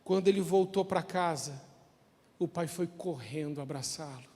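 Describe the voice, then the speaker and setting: A male pastor preaching a sermon, telling a childhood story with acted dialogue before turning slow and earnest. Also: a little high, darkish tone, breathy edge. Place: church. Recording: long church reverb.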